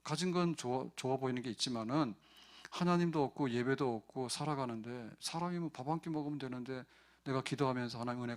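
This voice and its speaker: A man preaching a midweek church sermon in a conversational way, asking the congregation questions and briefly acting out quoted prayers. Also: mid-range voice. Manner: acts out short quoted prayers and complaints. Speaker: pastor.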